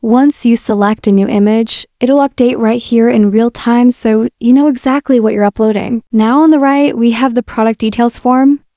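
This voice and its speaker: A woman's voice: a little high, normal speed, hardly any pauses, dry recording, studio quality. A woman giving a casual, friendly, step-by-step voice-over walkthrough of an app. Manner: relaxed, friendly step-by-step explaining. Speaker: software demo presenter. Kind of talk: casual screen-recorded software walkthrough. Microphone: voice-over mic.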